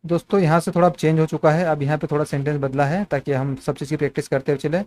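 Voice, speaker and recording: A man with a fairly high voice teaches spoken English, explaining each sentence in Hindi. He keeps asking what a line will become and calls his viewers friends as he steps through examples. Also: little pitch movement, fast, darkish tone. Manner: repetitive questioning, addresses viewers as friends.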